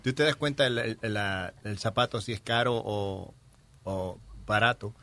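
A man's voice: fairly low pitch, a little slow, fairly bright tone. A man chatting casually, often repeating words as he feels his way and slipping between two languages. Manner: hesitant, repeats words, mixes in English. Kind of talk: casual chat.

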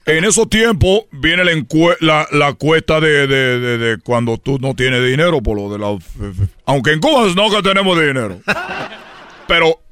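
A man's voice: a little high, animated, a little slow, fairly bright tone, clear, resonant tone, no echo. A man hosting a comedy radio skit, telling a rambling, playful story. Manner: rambling and playful, slipping into voices.

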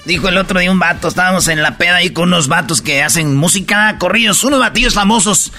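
A man hosting a joking radio show, telling slangy stories and pitching a contest in a loud promo style. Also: soft background music. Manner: rapid slangy storytelling, loud promo delivery.

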